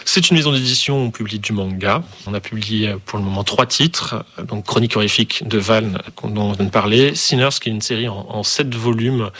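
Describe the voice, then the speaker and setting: A man who runs a publishing house answers interview questions in a bright, lowish voice. He speaks haltingly, with frequent fillers and restarts. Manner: hesitant, many fillers and restarts. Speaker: publisher and bookseller.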